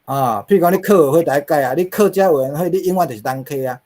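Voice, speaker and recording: A middle-aged man with a Taiwanese accent delivering a classroom lecture on linguistics. His voice sits slightly high, and he leans on fillers and rhetorical questions to keep his students with him. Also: quick pace, darkish tone.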